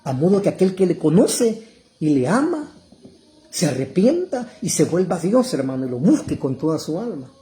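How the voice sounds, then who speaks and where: A middle-aged man preaching a fervent sermon, calling listeners brother and rising to loud cries. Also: on the high side, very animated, moderate pace, slight background noise. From El Salvador.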